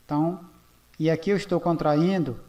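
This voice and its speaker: A man from Brazil teaching English grammar at a board in a slow, explanatory way, often checking in with "ok?". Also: a little high, steady tone, warm tone, muffled recording.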